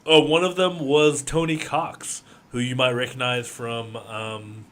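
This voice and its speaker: Podcast co-host, man, bright tone, giggly, meandering. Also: mid-range voice, steady tone, a little slow. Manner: laughs often, trails off and restarts. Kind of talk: casual chat.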